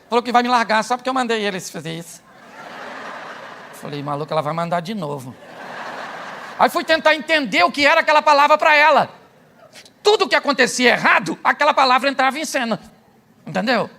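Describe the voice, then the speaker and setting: A man's voice: very high voice, brisk, gravelly, pauses often, pushed and bright, slight background noise. A middle-aged Brazilian man preaching a humorous sermon as a pastor, telling stories and acting out the dialogue. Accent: Brazilian Portuguese. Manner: storytelling, jokes, acts out dialogue.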